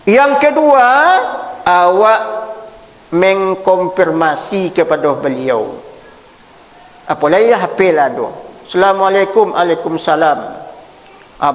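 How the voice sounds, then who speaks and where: A man preaching with a Minangkabau accent, lively and humorous, acting out little dialogues and chuckling. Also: high-pitched, roomy sound, long reverb tail, poor audio.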